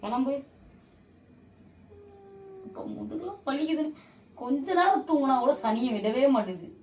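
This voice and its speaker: A woman's voice: sits high, very animated, measured pace, darkish tone, distant mic. A sleepy young woman at home at night, scolding her partner again and again in a heated, repetitive argument, sounding worn out and annoyed. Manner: scolding, repeats demands, drained and annoyed. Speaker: vlogger in a couple prank video. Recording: echoey room, voice off-mic, faint hiss.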